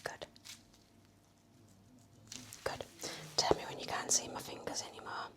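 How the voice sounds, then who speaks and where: A woman plays a nurse in ASMR, whispering near the mic in a gentle, comforting way and taking her time.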